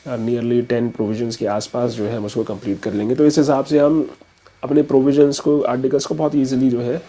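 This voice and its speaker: Husky-voiced man teaching with stories. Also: mid-range voice, little pitch movement, brisk, mellow, rough recording. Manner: story-driven, casual, mixes in English terms. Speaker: educator. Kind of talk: explaining a memory trick.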